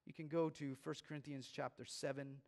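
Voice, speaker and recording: A man preaching in earnest, his slightly high voice pressing harder as he drives each point home. His words ring out with a long reverb across a large church sanctuary. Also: little pitch movement, brisk, creaky, darkish tone. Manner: earnest, building to emphatic preaching. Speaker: pastor. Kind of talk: sermon.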